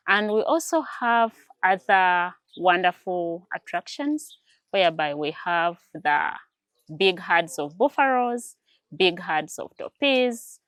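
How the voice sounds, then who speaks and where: Lower-voiced Ugandan woman, very dry sound. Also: no room sound. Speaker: tourism warden. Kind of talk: informative interview talk promoting a place.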